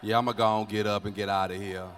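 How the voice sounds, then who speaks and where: A calm buddy, as a comedian puts him on, talks in a relaxed, slightly lower voice. He is steady and unhurried as he gives advice. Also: close to an everyday voice. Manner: laid-back, low-key advice. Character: calm good friend, a level-headed man.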